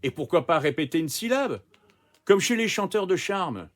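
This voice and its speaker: A man's voice: sits high, sing-song, moderate pace, voice pushed up. A man reading aloud voices an eager young band leader who coaxes his friends to keep rehearsing.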